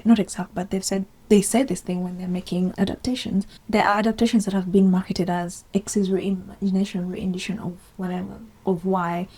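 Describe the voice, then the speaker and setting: A woman's voice: medium pitch, mellow, breathy edge. A woman giving chatty, opinionated commentary in a casual vlog, rambling with asides. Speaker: video essayist.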